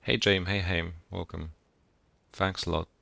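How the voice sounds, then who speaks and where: With a low, creaky, sharp-toned voice and fairly even intonation, a young man from Poland talks at a measured pace on his gaming livestream. The university student, a native Polish speaker with a Polish accent, greets viewers casually and thinks aloud while searching for words, with game music in the background.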